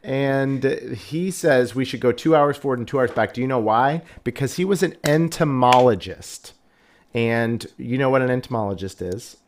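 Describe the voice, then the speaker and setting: A man hosting a casual live stream, with a mid-range voice that is neither high nor low. He tells a long, jokey story in a loose, rambling way. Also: moderate pace. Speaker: host.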